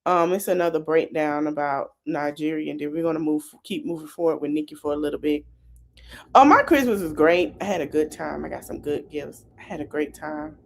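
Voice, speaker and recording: Her deep, gravelly voice runs a little fast as this woman hosts a podcast of casual commentary. Animated throughout, she laughs and performs quotes in character.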